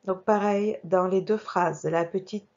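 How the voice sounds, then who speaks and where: A woman teacher giving a slow, careful reading lesson to young children, spelling out each sound while working on screen. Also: mid-range voice, fairly even intonation, darkish tone, muffled recording. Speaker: primary school teacher.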